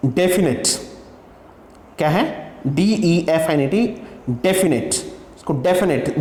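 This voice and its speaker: A man's voice: fairly high pitch, mellow, echoey room, in a large hall. A man with an Indian English accent giving an exam prep lecture, drilling word pronunciations by repeating each one several times. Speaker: teacher.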